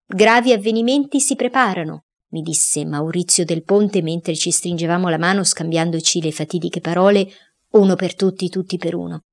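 A woman narrating a storybook in a steady, expressive reading voice. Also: on the low side, moderate pace. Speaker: audiobook narrator.

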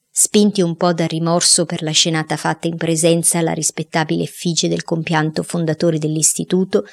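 A woman narrating a storybook in a steady, expressive reading voice. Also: lowish voice, vocal fry. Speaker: audiobook narrator.

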